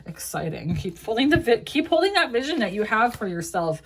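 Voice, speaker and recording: A woman's voice: on the high side, very animated, fairly quick, slight background noise. A young woman giving a casual tarot reading, rambling with many fillers, laughing often and swearing now and then. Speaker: tarot reader.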